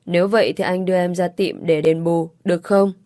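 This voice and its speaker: A woman's voice: fairly low pitch, steady tone, brisk, dark tone, no room sound, clean studio sound, lightly acted. A woman reading a patient young man. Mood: calm. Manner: patient, placating. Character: young man, polite and considerate employer.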